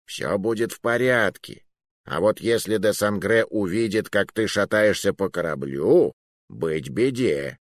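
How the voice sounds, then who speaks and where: A man's voice: fairly low pitch, lively intonation, unhurried, no echo, clean studio sound. A man voicing a fat, easygoing male companion in an audiobook who brushes off worries and scolds bluntly. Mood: dismissive.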